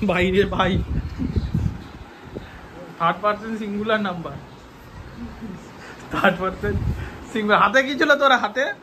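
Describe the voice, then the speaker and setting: Chatty high-voiced young man vlogging. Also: noisy background. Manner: chatty, teasing, pleading with his mother. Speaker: family vlogger. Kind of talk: casual vlog chat to camera.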